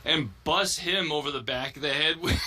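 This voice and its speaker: A man's voice: on the high side, bright, forceful tone, slight background noise. A man recounting a funny story to his viewers, laughing and giggling throughout. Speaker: video creator. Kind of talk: comic storytelling.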